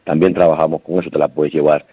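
A Cuban man in his thirties, a restaurant owner and singer, talking relaxed and chatty in a radio interview, with many restarts. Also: rumbling low, fast, slightly rough, no echo. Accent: Cuban Spanish. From Cuba. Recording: dull, lo-fi phone line.

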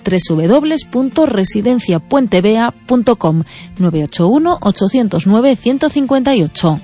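Woman, ad announcer, clear, measured, faint guitar music. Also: a little high, lively intonation, warm tone. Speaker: advertisement announcer. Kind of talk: read advertisement.

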